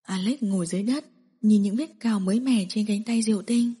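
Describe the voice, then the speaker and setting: A woman narrating a romance audiobook in a soft, even storytelling manner, with an echoey hall sound. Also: mid-range voice, a little fast, husky.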